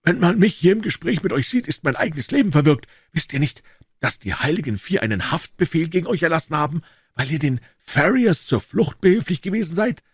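Mann spielt verängstigten Mormonen-Reiter, hoch. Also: male voice, very animated, a little fast, slightly rough, dry recording, studio quality, heavily acted. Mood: fearful urgent. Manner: high, urgent, fearful pleading. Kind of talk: dramatic audiobook reading.

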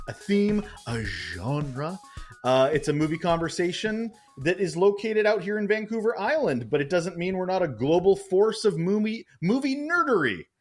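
Male co-host, bright animated delivery, playful and loose, casual podcast chat. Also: fairly high pitch. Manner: lively, jokey, rambling with restarts. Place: Vancouver Island.

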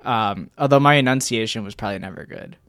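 A man's voice: fairly low pitch, fast, fairly bright tone, smooth, dry recording, clean studio sound. An American man hosting a podcast in a casual, chatty style. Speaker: podcast host. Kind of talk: casual chat.

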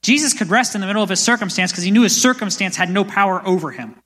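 Bright-voiced young man preaching in a hall. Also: high voice, fast talker. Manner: energetic, builds to loud passionate peaks. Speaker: pastor. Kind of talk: sermon. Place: church sanctuary. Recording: long church hall reverb.

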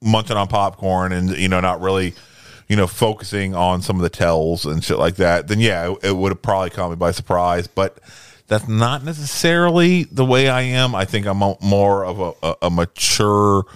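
A man's voice: low-pitched, normal speed, smooth, no room sound, clean studio sound. A man in his late thirties co-hosting a podcast, chatting casually and swearing freely as he reviews a movie. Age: 30s. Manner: profane, excitable, swears often. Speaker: podcast co-host. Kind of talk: casual chat.

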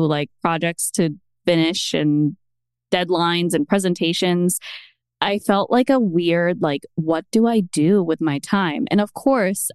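30s woman guesting on a pod, rambly and animated, crisp voice. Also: fairly low pitch, dry recording, clean studio sound. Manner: chatty, animated storytelling with many "like" fillers. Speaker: podcast guest. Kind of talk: casual conversational interview.

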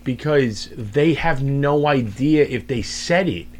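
A man's voice: mid-range voice, lively intonation, takes it slowly, darkish tone. A young man co-hosting a casual chat, joking and often restarting his sentences. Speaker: podcast co-host.

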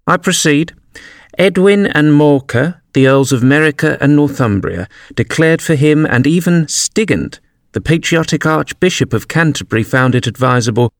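A man's voice: on the high side, lively intonation, moderate pace, dry recording, studio quality, pitched above the performer's own voice. A man voicing a self-important male mouse who lectures primly and crossly. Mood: pompous.

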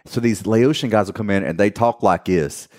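A man's voice: on the low side, moderate pace. A man from North Carolina, a guest in a casual interview, telling profane stories and acting out what people said. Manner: profane, animated storyteller acting out quotes.

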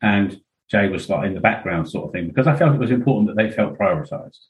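This middle-aged man, a guest on a podcast, has a low voice with lively intonation and talks fast, his sound phone-quality. He speaks candidly and at length, rambling through plenty of fillers and asides.

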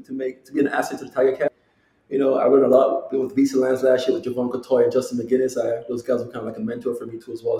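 The footballer, a Jamaican man in his thirties, answers interview questions in an easygoing way, repeating himself and peppering his speech with "you know." His medium-pitched voice is mellow, set in a reverberant, rough recording.

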